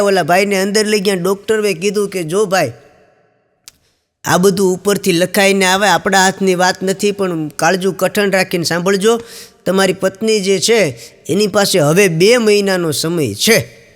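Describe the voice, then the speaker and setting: A man's voice: fairly even intonation, moderate pace. A man doing stand-up, telling jokes as stories and acting out the people in them. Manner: storytelling, acting out quoted characters with raised pitch. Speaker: stand-up comedian. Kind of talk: Gujarati joke telling to an audience. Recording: long hall reverb.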